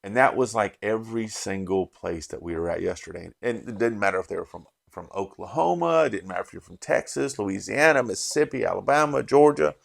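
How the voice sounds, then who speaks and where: Gravelly-voiced middle-aged man rambling. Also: on the low side, animated, brisk, hardly any pauses. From Las Vegas, USA. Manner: rambling, restarts sentences, heartfelt. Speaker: bourbon channel host. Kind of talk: casual vlog recap.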